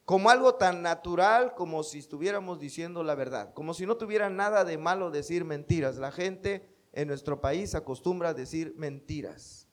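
A man's voice: fairly high pitch, moderate pace, few pauses. A man with a Mexican accent preaching a sermon, emphatic and quoting scripture. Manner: emphatic, quotes scripture, acts out quoted speech.

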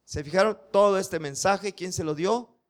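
A male preacher, reading scripture slowly and emphatically and putting rhetorical questions to his congregation. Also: sits high.

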